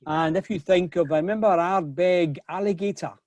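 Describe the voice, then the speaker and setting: A man's voice: sits high, moderate pace, a little mellow, dry recording, dull audio. A middle-aged man hosting a whisky tasting over a video call, chatty and often repeating words as he starts a sentence. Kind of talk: casual online tasting talk.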